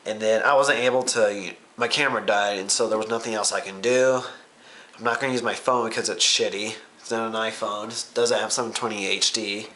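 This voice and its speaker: A man's voice: fairly low pitch, fairly even intonation, fairly quick, pushed and bright. A young man talks through a casual vlog recap, rambling loosely and full of ums. He swears offhandedly and keeps jumping from one thought to the next. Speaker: vlogger.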